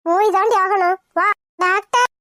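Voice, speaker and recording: A very high, childlike cartoon voice. It scolds and whines by turns, recorded dry with no room sound. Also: normal speed, bright, forceful tone, no room sound. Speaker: cartoon voice artist. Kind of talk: cartoon dialogue, voicing several characters.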